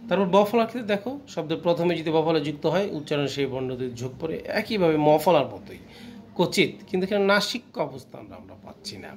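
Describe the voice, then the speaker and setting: A man's voice: fairly high pitch, sing-song, a little hiss or hum. A male teacher with a Bangladeshi Bengali accent, going through a grammar lesson, stressing rules and asking students questions. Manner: explains slowly, repeats rules, asks the class questions.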